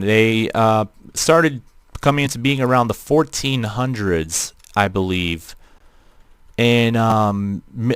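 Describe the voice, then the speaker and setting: Smooth and lowish, this young man's voice has no echo as he streams a game. He speaks with a Midwestern American accent, chatting and rambling to his viewers in a casual way.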